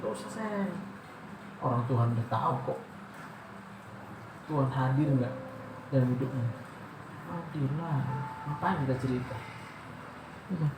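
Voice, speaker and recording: A man, a doctor, giving a devotional sermon in an animated way, asking rhetorical questions and acting out prayers. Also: medium pitch, measured pace, long pauses. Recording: echoey room with loud background noise.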